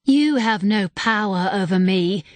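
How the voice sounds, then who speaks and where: A woman's voice: medium pitch, measured pace, dry recording, lightly acted. A woman voicing a malicious female priestess villain who snarls her threats, in an audiobook reading. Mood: menacing. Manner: snarling, menacing. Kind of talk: audiobook character voice.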